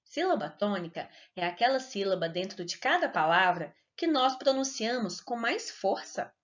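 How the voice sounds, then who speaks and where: Woman teacher for kids' video lessons: bright sing-song delivery, deliberate syllable stretching, muffled low-fi sound. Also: very animated. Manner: slow, clear and sing-song, stretching words to stress syllables. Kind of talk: recorded lesson for children. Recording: dull lo-fi recording.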